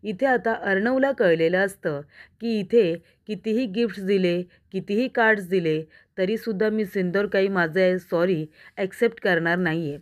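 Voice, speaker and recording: A woman recaps a serial episode in a steady, storytelling voice at a middle pitch. She speaks to her viewers directly and moves the story along evenly. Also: moderate pace. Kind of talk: scripted story recap narration.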